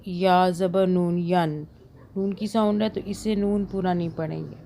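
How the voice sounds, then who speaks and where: A woman teaching Quran reading, patiently spelling out and repeating syllables in a slow lesson. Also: fairly low pitch, steady tone, gravelly, dark tone, slight background noise. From Pakistan.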